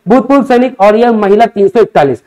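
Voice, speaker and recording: A young man coaching students for exams talks through a lesson at a digital board in an indoor studio, brisk, emphatic and chatty, often questioning and answering himself. His high voice has a slightly mellow quality.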